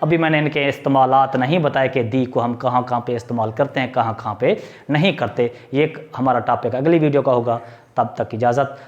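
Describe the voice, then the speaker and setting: On dull-sounding audio, a male English teacher with a mid-range, somewhat mellow voice presents a video grammar lesson. He works through it patiently, going over key points again and supplying answers to his own questions.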